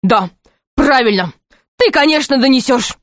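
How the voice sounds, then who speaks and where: Pompous, boastful male knight for a storybook reading, voiced by a woman, high and animated, close and dry. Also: unhurried, dry recording. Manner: grand, indignant, self-important. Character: pompous boastful middle-aged knight, a marquis, man.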